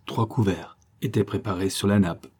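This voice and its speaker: A man narrating a novel in a steady, measured reading. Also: lowish voice, slightly rough. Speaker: audiobook narrator. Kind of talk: scripted narration.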